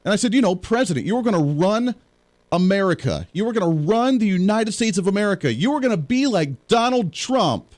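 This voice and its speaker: High-voiced and animated, a male political talk show host chats with his audience at a brisk pace, cracking jokes and wandering into sarcastic asides. His tone is darkish, and he may be a young adult or a middle-aged parent.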